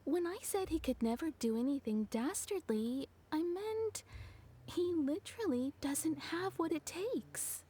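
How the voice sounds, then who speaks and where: A woman voicing a kindly townswoman in a video game, telling a story in a measured, gently amused way. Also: sits high, animated. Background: soft game music.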